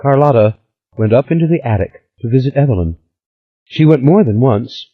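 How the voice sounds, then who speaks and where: In an audiobook, a man voices a sulky, melodramatic young woman, the niece, with a dramatic, sighing manner. His natural voice is medium-pitched but pushed up, animated and at a moderate pace, on a slightly dull lo-fi recording.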